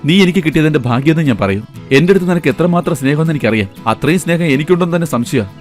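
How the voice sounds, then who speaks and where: A man's voice: a little high, animated, racing, soft background music, lightly acted. A man dubbing a young shop owner who soothes his girlfriend, in film dialogue. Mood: coaxing. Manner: coaxing, soothing. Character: young male shop owner and lover, eager to please. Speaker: dub actor.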